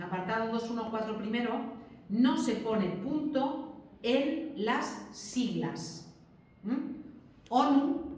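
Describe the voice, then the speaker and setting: A woman's voice: on the high side, darkish tone, far from the mic. Echoey teacher woman. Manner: explains patiently with frequent tag questions. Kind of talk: classroom lesson on punctuation. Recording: very echoey room, voice from afar, faint background noise.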